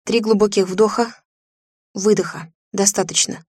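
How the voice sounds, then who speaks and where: A woman narrating an audiobook in a measured, lively reading. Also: medium pitch, slightly rough, dry recording, studio quality. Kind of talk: scripted narration.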